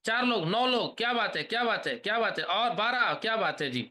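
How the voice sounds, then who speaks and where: A man in his thirties giving an energetic sales pep talk on a video call, rousing the audience with questions and chants. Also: high voice, fairly quick. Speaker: motivational trainer.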